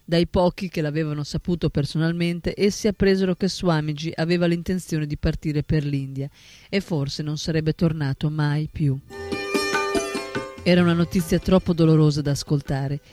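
A male narrator reads a biography steadily and solemnly. His voice sits somewhat high with a mellow, warm tone, and soft instrumental music plays quietly underneath. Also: no room sound. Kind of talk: scripted audiobook narration. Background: faint instrumental music.

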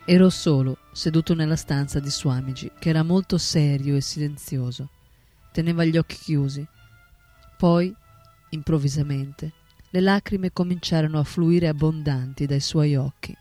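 A male narrator reads a biography steadily and solemnly. His voice sits somewhat high with a mellow, warm tone, and soft instrumental music plays quietly underneath. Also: steady tone, normal speed. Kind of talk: scripted audiobook narration. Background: faint instrumental music.

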